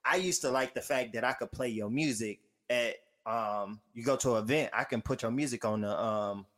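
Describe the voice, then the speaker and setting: Animated, slangy man telling stories. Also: medium pitch, normal speed. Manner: animated storytelling, slangy, acts out quotes. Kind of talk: casual chat.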